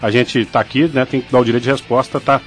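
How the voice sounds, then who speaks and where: A man's voice: medium pitch, level tone, quick pace, fairly bright tone, soft background music. A man with a Brazilian accent hosting a radio sports show, talking casually and often correcting himself with little fillers. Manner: chatty, frequent "né" fillers and self-corrections. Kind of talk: casual radio news chat. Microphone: studio microphone.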